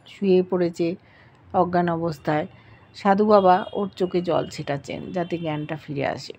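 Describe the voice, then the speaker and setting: A woman's voice: fairly low pitch, steady tone, moderate pace, darkish tone, a little hiss or hum. A woman retelling a TV serial episode as a recap narrator, reading the characters' dialogue in the same plain storytelling voice.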